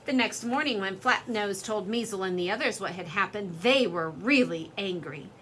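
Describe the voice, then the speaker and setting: A woman reading a children's story aloud in an expressive, lively storytelling way. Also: mid-range voice, normal speed, slight background noise.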